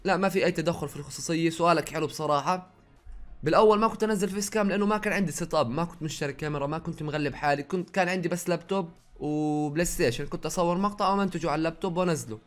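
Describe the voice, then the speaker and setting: A man's voice: a little high, soft background music. A young man with a Jordanian accent mixed with some Saudi words, chatting in a casual Q&A vlog from his own room, reading out viewers' questions and answering them. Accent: Jordanian Arabic with some Saudi words. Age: young adult. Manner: rapid, chatty, reads viewer questions aloud then answers. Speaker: YouTuber.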